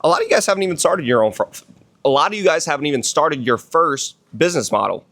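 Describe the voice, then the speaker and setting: A man's voice: a little high, animated, quick pace, a bit bright. Hungover, blunt, slangy man giving a pep talk. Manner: blunt, slangy, heavy swearing; emphatic, repeats phrases for stress. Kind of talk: casual motivational podcast talk. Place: outdoors on a villa balcony.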